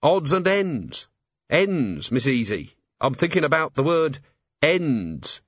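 A man reading aloud and voicing a patient police commander who questions kindly and gently. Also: on the high side, sing-song, slow, no room sound, dull audio, voice pushed up, full character voice. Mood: gentle.

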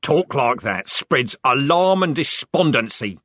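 A man's voice: lively intonation, measured pace, bright, forceful tone, no echo, clean studio sound, full character voice. A man voicing a petty male corporal who whines and shrieks at recruits. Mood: scolding. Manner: whining, shrill.

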